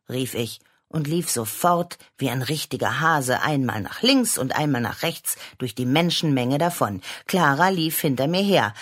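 A woman reading a children's story aloud with expressive storytelling. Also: a bass voice. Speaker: reader.

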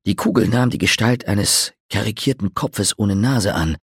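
A man narrating a fantasy audiobook in an expressive storytelling manner. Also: on the low side, moderate pace, breathy edge, no room sound, clean studio sound.

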